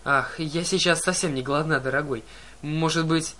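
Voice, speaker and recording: A man's voice: fairly high pitch, bright, forceful tone, a little hiss or hum. A man voicing a nervous teenage male satyr pretending to be a bride, fluttery and pleading. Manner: fluttery, pleading, talks fast when scared.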